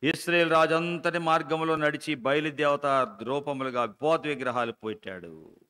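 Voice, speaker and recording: A middle-aged man preaching a sermon as pastor, with sudden loud outbursts and slow, stressed repetitions. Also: fairly high pitch, clean tone. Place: church hall. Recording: long church hall reverb.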